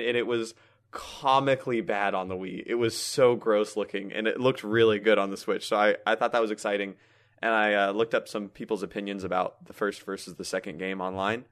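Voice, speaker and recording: A man co-hosting a podcast, talking casually and telling rambling, animated stories. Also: fairly low pitch. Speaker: podcast co-host. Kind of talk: casual chat.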